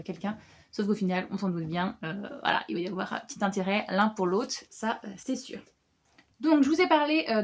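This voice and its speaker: A woman's voice: mid-range voice, darkish tone. A young woman chatting casually about her reading plans as a book vlogger, with many fillers and restarts. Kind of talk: casual book haul chat.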